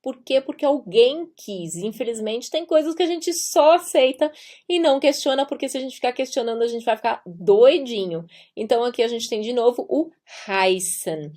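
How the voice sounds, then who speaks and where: A Brazilian woman with a Brazilian Portuguese accent teaches German pronunciation in a patient, emphatic way. Her voice sits a little high. She repeats the key words and slows down to draw out each example sound. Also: lively intonation, warm tone. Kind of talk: pronunciation lesson.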